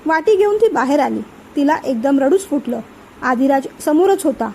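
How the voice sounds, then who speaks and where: A woman narrating a family story in a steady, even reading voice. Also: sits high, normal speed, a little hiss or hum, rough recording.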